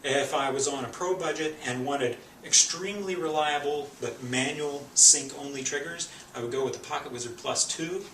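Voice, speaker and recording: A man's voice: medium pitch, normal speed, few pauses, fairly bright tone, slight background noise. A male photography instructor giving an informal, conversational gear review, explaining as he goes and a little out of breath. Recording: echoey room, mic at a distance.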